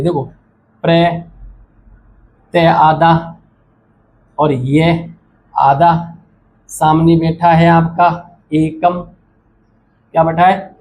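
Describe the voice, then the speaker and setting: Man, grammar teacher, high voice, asks and answers his own questions, faint background noise. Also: a little mellow, poor audio. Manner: repeats questions and answers them himself, calls students "beta". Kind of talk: classroom lecture at a board.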